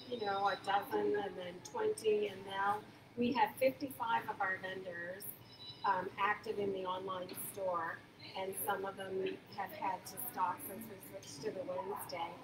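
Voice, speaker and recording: An older woman who manages a farmers market, chatting eagerly in an interview with lots of fillers and restarts. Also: medium pitch. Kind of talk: casual interview. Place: large indoor market hall. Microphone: phone camera a few feet away. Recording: echoey hall from a distance, background hum.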